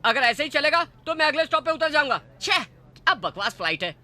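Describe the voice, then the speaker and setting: A woman's voice: high voice, very animated, a little fast, full character voice. A woman playing a cheeky, boastful middle-aged male passenger in a comedy skit. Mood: grumbling. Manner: cheeky, boastful, loud complaining.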